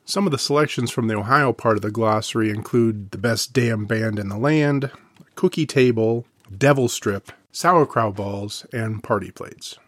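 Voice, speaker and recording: A man with an Inland North American accent giving a scripted book review, measured and slowing down to sound out example words. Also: lowish voice, no echo.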